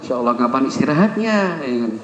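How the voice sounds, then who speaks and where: A man's voice: medium pitch, sing-song, quick pace. A man giving an Islamic sermon in a chatty way, acting out little household scenes and checking in with the listeners. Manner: conversational, acts out household dialogue, asks the crowd "ya kan?". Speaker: preacher. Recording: echoey hall, dull lo-fi sound.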